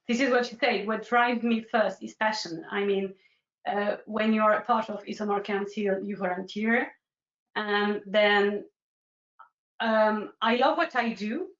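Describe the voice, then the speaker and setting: A woman's voice: mid-range voice, fairly even intonation, a little slow. Woman, hesitant, fillers, roomy echo, dull lo-fi sound. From France. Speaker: guest, agency founder. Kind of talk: casual interview.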